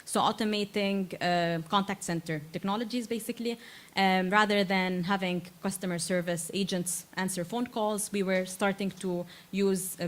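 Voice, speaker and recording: A woman in her thirties from Lebanon, giving a conference talk to students and filling her speech with uh and um as she restarts phrases. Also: on the low side. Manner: frequent uh and um fillers, self-correcting restarts. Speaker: invited tech speaker.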